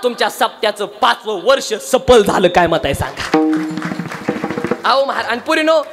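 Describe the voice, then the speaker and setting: Impassioned high-voiced young preacher. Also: male voice. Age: young adult. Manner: impassioned, bursts into shouting; repeats lines for emphasis. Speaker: kirtan preacher. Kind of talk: devotional sermon with storytelling.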